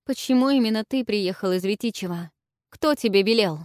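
A woman's voice: medium pitch, brisk, a little mellow, dry recording, clean studio sound, pitched above the performer's own voice, lightly acted. A woman voicing an anxious, proud young princess who speaks with tense urgency in a storybook reading. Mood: agitated.

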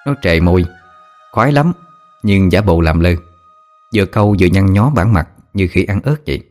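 A man with a Southern Vietnamese accent narrating a children's story in a lively way. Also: low voice, moderate pace. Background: soft background music.

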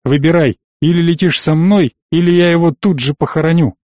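A man's voice: fairly high pitch, expressive, normal speed, darkish tone, no room sound, clean studio sound. A man reading an audiobook voices a domineering older noble father who speaks patronizingly and turns harsh and threatening. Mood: menacing. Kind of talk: audiobook character voice.

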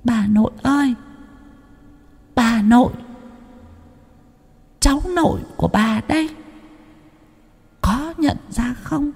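A giggling ghost baby, pitched far above a man's normal voice and thin with breath. Creepy and mocking, it speaks in a sly, hushed way in a spoken horror tale. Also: slow pace, long pauses, husky, long reverb tail, heavily acted.

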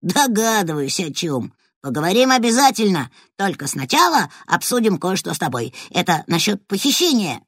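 Storybook rat, proud and impatient, put on by a woman narrator, animated swoops. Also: mid-range voice, normal speed, hardly any pauses, husky, no echo, studio quality, voice pushed up. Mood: sly. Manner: eager, teasing, smug. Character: cocky male pet rat, playful and proud.

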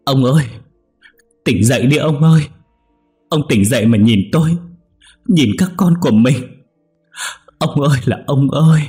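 A man voicing a grieving middle-aged wife who wails for her dead husband, pushing his voice high and loud. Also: expressive, moderate pace, breathy edge, faint music behind. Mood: wailing.

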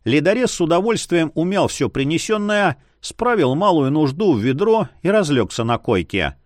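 A man narrating a fantasy audiobook in an expressive storytelling manner. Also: fairly high pitch, normal speed, no room sound, studio quality.

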